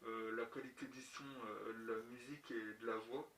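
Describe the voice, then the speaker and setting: This motovlogger's mid-range voice is steady, a little bright, and moderately paced as he reviews gear without a script. His casual speech is slangy and includes mild swearing, while the echoey room adds clicks and clear background noise.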